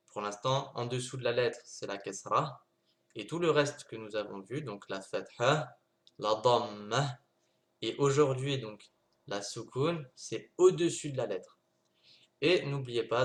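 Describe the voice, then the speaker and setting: A man's voice: medium pitch, a bit bright. A man giving an online lesson on Arabic letters, talking patiently and repeating his points, sounding out clipped consonants again and again. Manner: patient, repeats points with many "donc" and "d'accord". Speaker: Arabic teacher.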